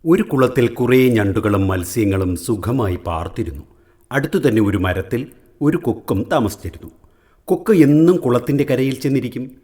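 A man narrating a children's fable in a measured, expressive way. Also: lowish voice. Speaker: storyteller.

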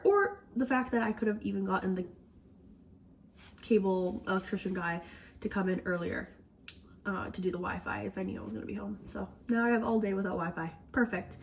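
A woman's voice: medium pitch, distant mic, slight background noise. A woman vlogging in a casual, rambling way, worn out and fighting a head cold. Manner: rambling, tired. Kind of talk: casual vlog chat.

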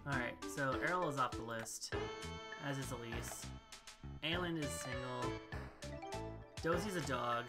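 A woman's voice: very deep voice, a little slow, long pauses. A woman giving casual, rambling commentary while she plays a video game, chatting and thinking aloud. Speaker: gaming streamer. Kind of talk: casual let's-play commentary. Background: loud game music.

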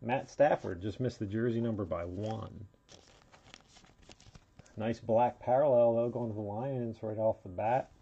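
A man's voice: fairly low pitch, measured pace, vocal fry, pauses often, breathy edge. A man hosting a live trading card break, casually calling out player names and serial numbers as he opens packs, in a dull lo-fi recording.

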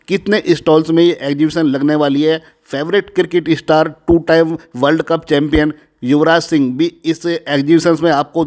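A man voices an event preview with a slightly high voice that barely rises or falls. He moves through the details in a steady, informative list. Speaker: vlogger. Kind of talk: promotional voice-over.

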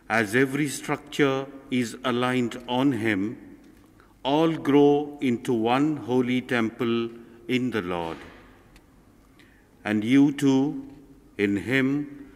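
A middle-aged man reading scripture solemnly at Mass, phrase by phrase, in the echo of a large church. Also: medium pitch. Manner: measured, phrase by phrase. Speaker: lay reader at Mass. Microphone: lectern microphone, speaking through face mask. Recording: echoey church hall, long reverb.

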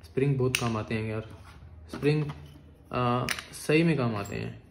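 A man giving casual, excitable commentary on toy battles as a video creator, chatting to his viewers. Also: medium pitch, moderate pace, vocal fry. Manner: chatty, excitable, calls viewers "bhai" and "guys". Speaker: YouTuber. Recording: echoey room with loud noise.

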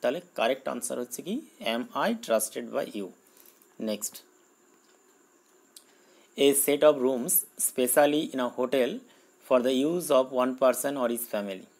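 Man, exam-prep teacher, slow careful reading, then quick explanations. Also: medium pitch, a little mellow, rough recording. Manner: reads English questions slowly, explains in Bengali. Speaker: English teacher. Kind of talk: exam-prep grammar lesson.

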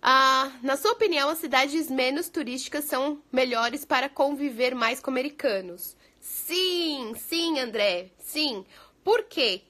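Woman from Brazil, high-pitched, bright voice, chatty live-stream teacher, laughs often. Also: a little slow. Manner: chatty and giggly, mixing in English phrases. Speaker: English teacher. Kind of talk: casual live chat answering viewer questions. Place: home in the United States.

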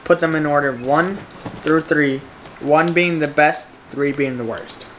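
A woman's voice: low voice, unhurried, a little hiss or hum. A woman hosting a casual taste-test video, easygoing and full of fillers. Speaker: vlogger.

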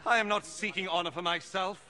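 An actor in his thirties plays an impassioned young preacher confronting doubters in a film drama, his high, steady voice pushed and bright. He speaks a little fast, declamatory, firm and earnest. The scene is set in an open stone courtyard, with noisy outdoor crowd ambience around him.

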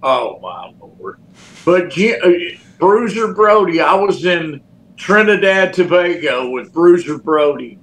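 A man's voice: on the high side, a little hiss or hum, low-quality recording. An older man, a former pro wrestler telling stories animatedly in a casual interview. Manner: animated storyteller, folksy, sound effects.

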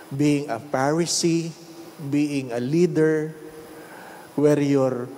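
An older Filipino priest preaching in a slightly high voice, slow and deliberate, moving between English and Tagalog. His handheld mic carries a long church reverb with faint hiss behind it. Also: darkish tone. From Philippines. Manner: measured delivery, mixing English and Tagalog. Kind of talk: gospel reading and homily. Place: large church at the altar. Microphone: handheld microphone.

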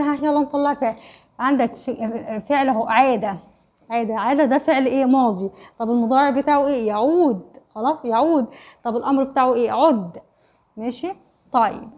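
A high-pitched, slightly mellow woman with an Egyptian accent leads an online Arabic class for primary pupils. She asks questions only to answer them herself, and she checks that the children understand with short tags, "خلاص؟" and "ماشي؟".

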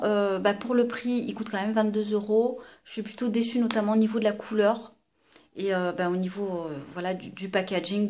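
A woman's voice: mid-range voice, dark tone. Hesitant woman reviewing beauty products. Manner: hesitant, many fillers and restarts; chatty, addresses viewers directly. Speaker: beauty vlogger.

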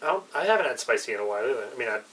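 In a small, cluttered room with a brick wall, a young adult man chats through an off-the-cuff review. His mid-range voice is very animated, racing and fairly bright, yet his manner stays laid-back and a bit hesitant, trailing off. Recorded on a distant mic with clear background noise.

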